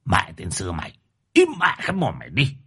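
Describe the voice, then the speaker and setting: A man's voice: low voice, wildly swooping pitch, fairly quick, fairly bright tone, husky, full character voice. A man voicing a harsh rich landlord who curses and threatens his servants. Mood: furious. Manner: barking, cursing, threatening. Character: harsh brutal rich old landlord, bullying.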